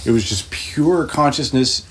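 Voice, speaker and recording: A man's voice: medium pitch, measured pace, husky, poor audio. A man casually telling a personal experience in an informal, descriptive, musing way.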